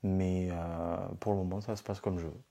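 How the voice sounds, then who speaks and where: A man giving casual comments to the camera in a relaxed, ambivalent way. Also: low-pitched, moderate pace. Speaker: renovator, vlog regular.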